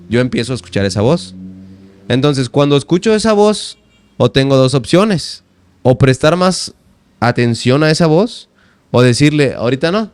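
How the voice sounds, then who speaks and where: With a clear, resonant, medium-pitched voice, this guest poet and language teacher, a man in his twenties with a Mexican Spanish accent, animatedly tells stories in a relaxed podcast interview and acts out the lines he quotes from himself. No room sound is audible.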